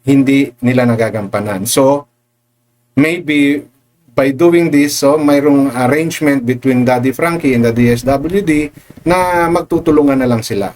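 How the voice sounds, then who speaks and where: Lalaking vlogger na nagkokomentaryo at nagbabasa ng mga komento, maraming "ah" at "no" at may halong Ingles, mahinahon ang tono. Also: male voice, mid-range voice, a little slow. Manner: hesitant with many fillers, mixing English into Tagalog; calm, reassuring to viewers. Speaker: commentary vlogger. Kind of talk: casual commentary reading viewer comments.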